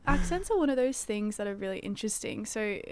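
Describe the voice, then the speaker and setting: A young woman from South Africa with an Australian accent, a speech pathology student chatting as a podcast guest, enunciating clearly and laughing often. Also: mid-range voice, expressive, quick pace, darkish tone, dry recording. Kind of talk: casual podcast chat.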